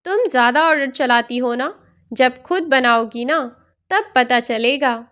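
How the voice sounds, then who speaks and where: A woman's voice: sits high, measured pace, fairly bright tone. A woman voicing a scornful young daughter-in-law in a storybook tale, speaking in a rude, scolding way.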